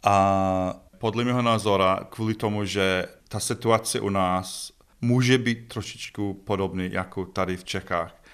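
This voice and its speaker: A man's voice: lowish voice, fairly even intonation, clear, resonant tone. A middle-aged man with a Scottish accent, a native English speaker, answering interview questions in a conversational, joking, self-deprecating way. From Scotland. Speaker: interview guest, festival organiser.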